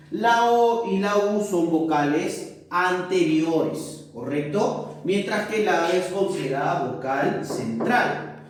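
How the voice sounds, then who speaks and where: A male teacher giving a classroom lesson, often checking in with tag questions and pausing with fillers. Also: high voice, a little mellow. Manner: hesitant, with many fillers. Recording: echoey room, far from mic.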